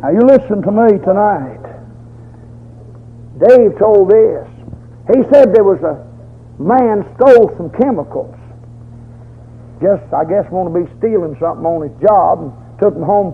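A man's voice: high voice, breathy edge. An older man preaching a folksy, fervent storytelling sermon, in a dull lo-fi recording.

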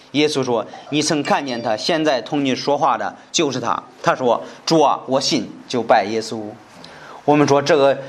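Higher-voiced male preacher, repetitive and questioning. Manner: repetitive, with many fillers and rhetorical questions. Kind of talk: sermon expounding a Bible passage.

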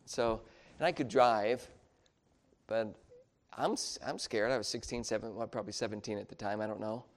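A middle-aged pastor with a low-ish, level voice delivers a conversational, story-driven sermon. He falters and restarts, and his voice falls quiet during confessional moments.

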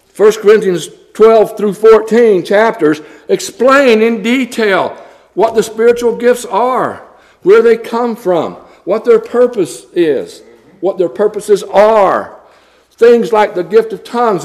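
A man's voice: sits high, darkish tone. A man preaching a blunt, scornful sermon and reading scripture aloud in old-fashioned wording.

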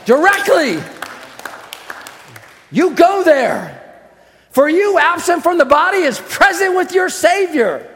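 A pastor with a strikingly high-pitched voice preaches a fervent sermon to his church. He teaches in a calm, quick voice, then slows down and shouts his key lines. His voice rings with a long reverb from the hall. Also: a faint crowd. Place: church sanctuary.

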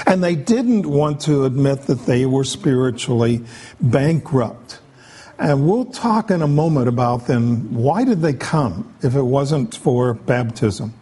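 A man preaching a sermon, explaining scripture in an unhurried way with frequent pauses. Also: a little high, warm tone, breathy edge. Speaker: pastor.

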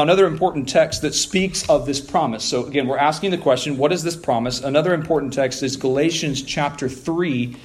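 A man preaching into a pulpit microphone. He walks the congregation through scripture passages, reads them aloud, and puts rhetorical questions to his listeners. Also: on the high side. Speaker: pastor. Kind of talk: expository sermon.

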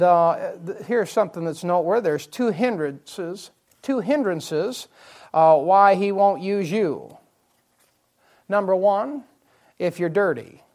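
This high-pitched male pastor is delivering a midweek evening sermon, unpacking Bible passages for his church. Key phrases come back again and again, and he keeps asking the congregation rhetorical questions.

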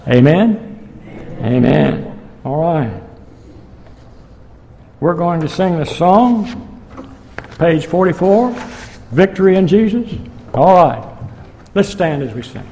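A pastor giving a sermon, telling stories slowly and deliberately to his congregation in a church. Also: fairly high pitch, very animated, dark tone, big-room sound. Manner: slow, deliberate storytelling.

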